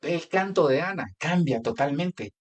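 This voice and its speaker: A man's voice: on the high side, animated, normal speed. A man from Colombia preaching a sermon with a Colombian Spanish accent, talking straight to the congregation and breaking into personal anecdotes. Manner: conversational preaching with anecdotes and direct address. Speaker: pastor.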